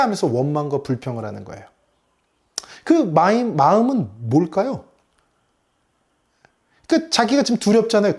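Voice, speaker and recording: Lively-pitched preaching pastor, man. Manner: asks the congregation rhetorical questions; acts out complaining voices in quotes. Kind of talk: morning sermon.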